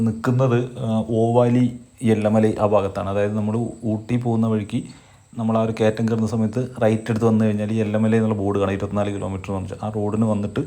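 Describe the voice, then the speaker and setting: A Malayali man from Kerala narrates a travel vlog casually, explaining things with some repetition. His voice is lowish and quite gravelly, with very little melody, and he talks at a fast clip. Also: mellow. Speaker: travel vlogger.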